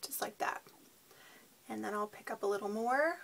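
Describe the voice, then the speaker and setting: Tired, husky woman with creaky voice. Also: mid-range voice, moderate pace, fairly bright tone. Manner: tired, sleep-deprived delivery. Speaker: beauty reviewer. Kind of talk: casual product demo chat.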